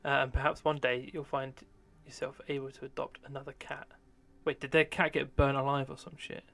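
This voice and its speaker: A man's voice: medium pitch, level tone, a little fast, vocal fry, fairly bright tone. A sardonic, sweary man giving casual live commentary on a game. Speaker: live streamer. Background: game music.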